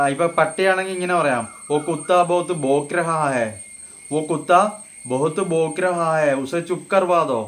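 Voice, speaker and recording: A Hindi teacher whose voice sits a little high for a man gives a relaxed, casual lesson on spoken Hindi phrases. He says each example slowly and deliberately, then explains it conversationally in Malayalam.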